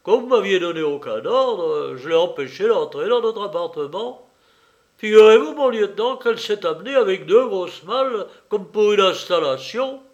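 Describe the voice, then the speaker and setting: A man voicing a cheeky, eager male soldier orderly in an audiobook, talking loudly and chattily. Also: high-pitched, expressive, moderate pace, highs cut off, voice pushed up. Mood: chatty. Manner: loud, chatty, eagerly obedient. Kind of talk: audiobook character reading.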